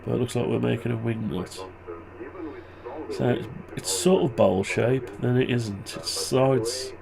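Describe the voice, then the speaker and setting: A man's voice: medium pitch, a little slow, creaky. A man with a muffled, blocked-nose voice, tired and stuffed up with flu, rambling as he thinks aloud through a casual hobby tutorial. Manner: rambling, muttering to himself. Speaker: hobbyist presenter.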